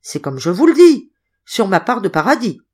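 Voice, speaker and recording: A woman's voice: mid-range voice, very animated, moderate pace, a little mellow, breathy edge, pitched above the performer's own voice. A woman reading an audiobook, voicing a bold, cunning old female servant who talks brashly and emphatically. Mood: insistent.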